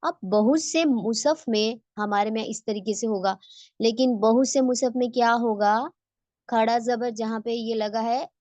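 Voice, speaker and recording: A woman's voice: a little high, fairly even intonation, a little slow, darkish tone, no room sound. A woman teaching tajweed online in a patient, explanatory way, posing questions and answering them herself. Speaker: Quran recitation teacher.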